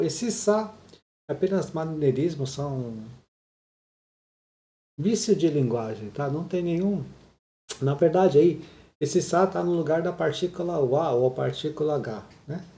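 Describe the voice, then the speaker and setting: A man's voice: on the high side, warm tone, roomy sound. A man explaining a Japanese listening lesson patiently, often checking in with his listeners. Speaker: Japanese teacher.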